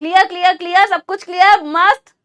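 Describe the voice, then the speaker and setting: High-voiced teacher running a live class. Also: female voice, steady tone, a little fast, fairly bright tone. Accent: Indian English mixed into Hindi. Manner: addresses students as beta, asks and answers her own questions. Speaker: online chemistry teacher. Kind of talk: live online class lecture.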